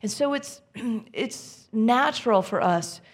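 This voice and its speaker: A woman minister giving a gentle, reflective sermon, often dropping to a soft near-whisper. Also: on the high side, lively intonation, slow pace.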